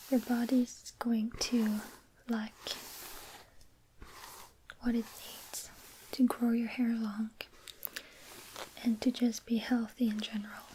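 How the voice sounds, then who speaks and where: A young woman whispering softly and slowly, talking close and intimate in an ASMR video. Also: on the high side, slight background noise, low-quality recording. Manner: slow, soft, intimate whispering. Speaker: ASMR creator.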